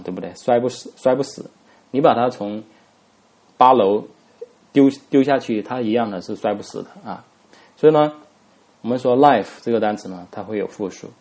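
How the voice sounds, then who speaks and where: A man with a lowish, dark-toned voice teaches English grammar, spelling words out one letter at a time and saying each word twice. He keeps asking his students rhetorical questions and uses many fillers.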